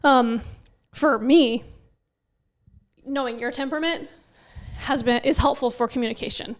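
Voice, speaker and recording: A woman's voice: on the high side, unhurried. A young woman co-hosting a podcast, talking earnestly in casual chat with frequent restarts. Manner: earnest, many restarts and fillers. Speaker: podcast co-host.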